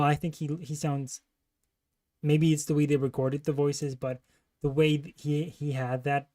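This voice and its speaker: A man hosting a livestream, giving casual, critical commentary as he reacts to a trailer. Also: fairly high pitch. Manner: critical, disparaging.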